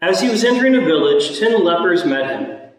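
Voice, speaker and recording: A man's voice: high voice, sing-song, brisk. Priest guy preaching, cathedral echo all over, long hall ring, earnest and repeats himself. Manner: earnest and reflective, circles back to repeat key phrases. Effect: cathedral echo, voice ringing through a large church. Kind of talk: gospel reading and homily. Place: large church. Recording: echoey church hall from far off.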